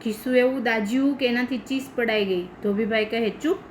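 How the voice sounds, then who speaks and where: A woman from India, a primary school teacher, reading a story aloud to pupils and pausing to explain it patiently. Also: a little high, steady tone, a little hiss or hum, low-quality recording.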